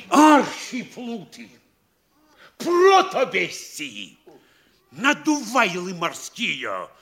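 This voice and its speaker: Using a full character voice in the mid range, a male actor portrays a pompous, bullying provincial mayor for a Russian comedy audio play. He scolds theatrically, shifting between sly quiet and bellowing.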